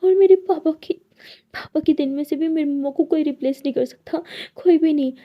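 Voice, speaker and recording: A woman's voice: brisk, lo-fi sound, close to an everyday voice. A woman doing a sobbing, furious young woman. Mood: tearful anger. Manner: high, loud, tearful outbursts. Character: distraught young woman, grieving, volatile.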